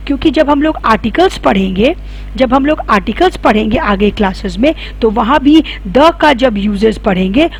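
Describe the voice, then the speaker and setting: Husky, creaky-voiced woman teaching a class. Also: on the high side. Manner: asks questions and answers them herself; spells words out letter by letter. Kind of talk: classroom grammar lesson.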